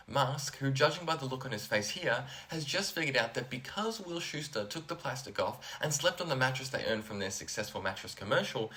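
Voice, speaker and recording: A man's voice: mid-range voice, sharp tone. A man hosting a comedy show, delivering a scripted monologue in a dry, sardonic way. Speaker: host.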